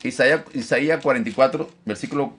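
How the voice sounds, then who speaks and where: A man preaching a Bible lesson, animated, repeating phrases for emphasis and mimicking objectors. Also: medium pitch, fast talker, husky. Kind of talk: live-streamed Bible teaching.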